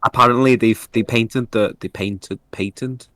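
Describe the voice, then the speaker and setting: A man co-hosting a casual podcast, talking fast and acting out lines he quotes. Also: medium pitch, no echo. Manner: animated, swearing, acts out quotes. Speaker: podcast co-host. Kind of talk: casual chat.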